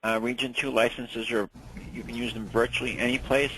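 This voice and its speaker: A man in his sixties from Long Island, New York, with a New York accent, teaches a ham radio licensing class like a casual lecture, chatty and full of anecdotes, repeating words when he restarts. His medium-pitched voice is flat, fairly quick, bright and forceful. The low-quality recording has slight background noise.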